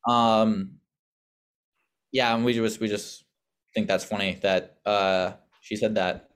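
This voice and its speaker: A man's voice: lowish voice, fairly even intonation, slow, smooth. A young man co-hosting a casual podcast, explaining things in a wry way with sarcastic asides. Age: young adult. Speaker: podcast co-host.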